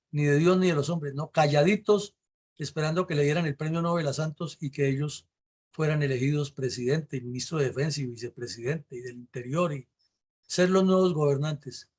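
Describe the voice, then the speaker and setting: A middle-aged Colombian man hosting a show, giving indignant commentary full of rhetorical questions. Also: fairly high pitch. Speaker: host and commentator.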